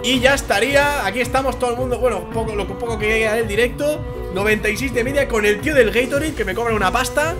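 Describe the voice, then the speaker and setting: A young man from Spain, slightly hoarse from a cold, giving casual, excitable gameplay commentary. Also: very high voice, fast, few pauses. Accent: Spain Spanish. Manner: excitable, swings into shouting and laughing. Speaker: gaming YouTuber. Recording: music playing underneath.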